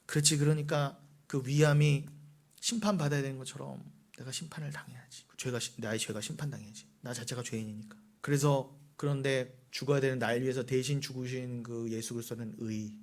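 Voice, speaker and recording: A man's voice: mid-range voice, fairly even intonation, a little fast. A middle-aged male pastor preaching a sermon, scolding the congregation and firing rhetorical questions at them.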